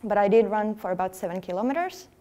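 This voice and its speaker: A woman, giving an earnest, conversational talk at a conference, now and then pausing over her words. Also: medium pitch, lively intonation, mellow. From Finland. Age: 30s. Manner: earnest, conversational, slightly halting. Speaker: athlete speaking at a workshop. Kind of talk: conference presentation. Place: conference hall.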